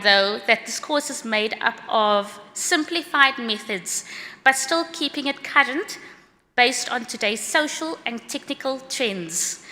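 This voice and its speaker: A middle-aged woman with a South African accent presents her work at a conference in a brisk, earnest, partly read-out style. Her voice is bright and somewhat high. The sound carries a long hall reverb. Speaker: course creator presenting at a conference. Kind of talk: prepared conference talk.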